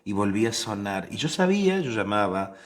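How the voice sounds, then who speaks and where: A man's voice: on the low side, very animated, moderate pace. An Argentine man giving a novena talk with a personal story, speaking conversationally with restarts and questions to the listeners. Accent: Rioplatense Spanish. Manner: acts out the voices in his story. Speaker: preacher.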